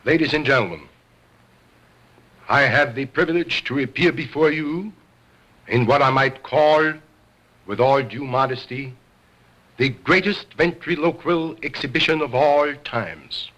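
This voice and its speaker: On a vintage 1929 film soundtrack, an actor with a mid-range, fairly bright voice speaks at a measured pace, pausing often. Playing a stern, self-absorbed stage ventriloquist, he adopts a pompous, grandly formal showman's delivery in 1920s stage and film acting style.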